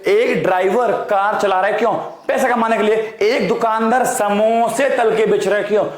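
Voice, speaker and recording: High-voiced man drilling students in class. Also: steady tone, normal speed. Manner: repetitive call-and-response drilling, addresses students as "beta". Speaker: economics teacher. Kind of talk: online class lecture. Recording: echoey room.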